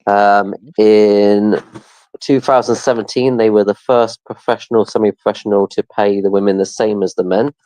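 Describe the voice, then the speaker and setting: A relaxed English co-host with a low, mellow voice, running through a brief club history. He speaks casually with the odd "um". The recording is dry and close. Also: moderate pace, dry recording, rough recording. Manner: relaxed, brief reports with fillers. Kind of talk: casual livestream chat.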